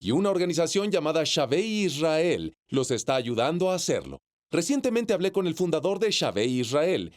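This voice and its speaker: A man's voice: fairly high pitch, a little mellow. A man hosting a television show, introducing guests and segments with enthusiastic presenting. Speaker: host.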